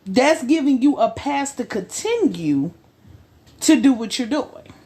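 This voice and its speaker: A woman co-hosting a podcast discussion, speaking emphatically with a preaching cadence and slow, stressed phrases. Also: high voice, very animated, mellow. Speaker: podcast co-host.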